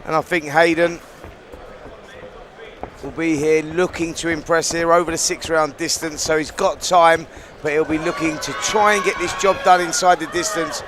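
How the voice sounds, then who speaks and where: A man's voice: a little high, steady tone, moderate pace, background noise. A man giving conversational live boxing analysis as a co-commentator at ringside.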